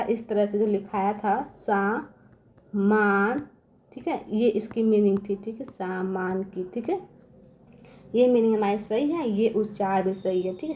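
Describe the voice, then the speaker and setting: A woman's voice: fairly high pitch, darkish tone. A woman teaching children spelling, patiently repeating each step and checking in after nearly every line. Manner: repeats "theek hai" constantly, patient and drawn-out; addresses viewers as children.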